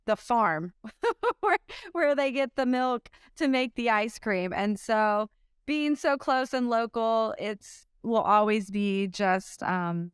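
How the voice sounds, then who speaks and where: Chatty and upbeat, with frequent ums and quick laughter, an Oklahoma woman in her thirties who plays disc golf professionally fields interview questions. She has a fairly high, smooth voice, captured in studio quality without echo.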